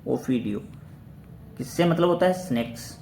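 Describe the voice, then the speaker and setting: A man's voice: medium pitch, lively intonation, normal speed, a little mellow. A man teaching exam-prep vocabulary who keeps asking his own questions, answering them and spelling words out letter by letter. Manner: asks and answers his own questions, repeating each word. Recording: roomy echo with faint background noise.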